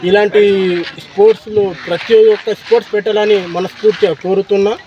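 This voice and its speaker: A man giving a halting, repetitive statement to a news camera outdoors. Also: high voice, flat delivery. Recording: dull lo-fi, noisy outdoor sound.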